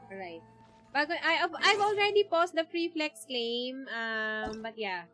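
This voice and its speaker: Over video game music, a high-voiced woman with a sharp tone and a Filipino accent chats casually on her game livestream, switching between English and Tagalog.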